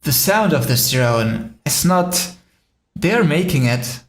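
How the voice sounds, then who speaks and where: A man's voice: a little high, animated, takes it slowly, reverberant, faint music behind. A man from Spain hosting a casual live stream, rambling with many fillers and answering viewers' comments. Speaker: drone live-stream host.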